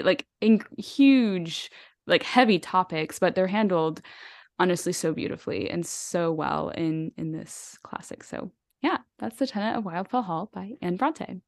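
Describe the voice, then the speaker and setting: A woman with a slightly low voice, talking with eager enthusiasm and rambling on with fillers and small laughs. Her sound is close and dry, with no room around it. It is relaxed podcast chat. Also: no room sound. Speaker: podcast co-host. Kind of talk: casual book chat.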